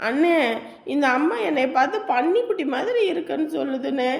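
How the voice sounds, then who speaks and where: A woman's voice: sits high, lively intonation, brisk, creaky, reverberant. A woman playing a young unmarried daughter who whines and complains to her family. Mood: sulky. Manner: complaining, whiny.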